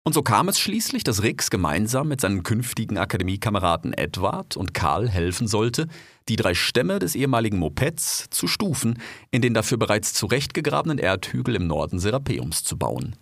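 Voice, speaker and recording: A man narrating a storybook in long, winding descriptive sentences. His voice sits on the lower side and moves with lively melody. The sound is close and dry. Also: a little fast, creaky, no echo.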